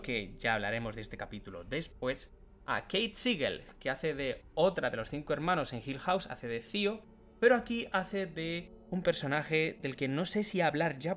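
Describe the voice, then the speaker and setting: A male podcast co-host chats casually and explains things at length. His voice is on the high side and a bit bright.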